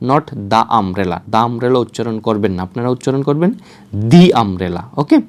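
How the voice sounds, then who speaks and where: A man whose first language is Bengali gives a spoken English lesson. He moves through examples one at a time, keeps asking his students "right?", and talks at an average pitch with a clear, ordinary voice. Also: darkish tone. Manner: explains step by step, often asks "right?". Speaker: English teacher.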